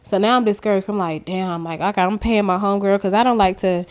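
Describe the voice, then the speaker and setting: A woman's voice: mid-range voice, steady tone, fast talker. A woman vlogger giving a casual personal testimony, talking straight to her viewers as she tells her story. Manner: chatty storyteller who addresses viewers directly. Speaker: faith vlogger.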